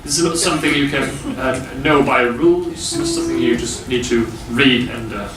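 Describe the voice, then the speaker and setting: A man teaching English grammar to a class, explaining slowly with many pauses and fillers. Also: mid-range voice, background noise. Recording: echoey classroom from far off.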